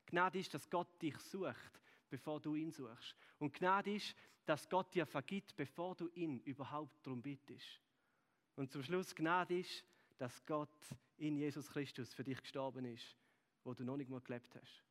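A man with a Swiss German accent preaching a sermon to a live audience. He swings between loud, lively asides and soft, hushed repeated phrases, building a repetitive rhetorical cadence. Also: fairly high pitch, unhurried. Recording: long hall reverb.

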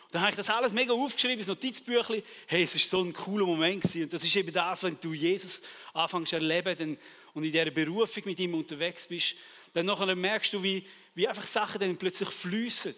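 A man with a Swiss German accent preaching a sermon, telling personal stories and acting out the dialogue in a lively way. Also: sits high, fast talker, long reverb tail.

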